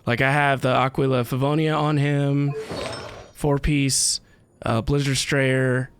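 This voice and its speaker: A man's medium-pitched voice, level in tone and slow, carries over video game music as he hosts a casual game livestream, rambling and thinking aloud to viewers. Slight background noise can be heard.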